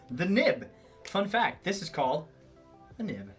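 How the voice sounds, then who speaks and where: A man's voice: fairly high pitch, sing-song, a bit bright, distant mic, soft background music. A man co-hosting a casual show, bantering in an eager, jokey way. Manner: jokey, eager, quick to laugh along. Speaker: science segment co-host.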